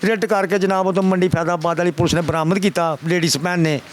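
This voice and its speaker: A man's voice: high-pitched, steady tone, fast. An older man with a Pakistani Punjabi accent, giving a pleading, repetitive account to a reporter and often calling the listener sir. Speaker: complainant father. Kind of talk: emotional testimony to a reporter.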